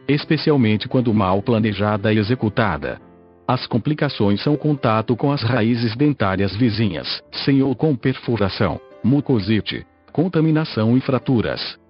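A man's voice: medium pitch, husky. A man's synthesized Brazilian voice, like an old speech synthesizer, reading an article as scripted podcast narration in a stiff, mechanical way. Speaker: podcast host. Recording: muffled lo-fi audio with music.

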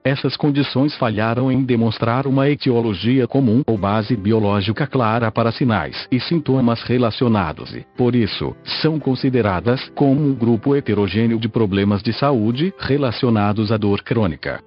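A man's voice: medium pitch, moderate pace, few pauses. A synthesized male text-to-speech voice with a Brazilian accent, like an old speech synthesizer, reading a scripted article as a podcast narrator. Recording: dull lo-fi audio with faint music.

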